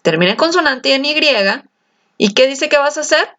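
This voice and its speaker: A woman teaching an English grammar lesson, lively and coaxing, asking her students questions and stretching out key words. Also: high-pitched, fairly quick. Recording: slightly dull lo-fi sound.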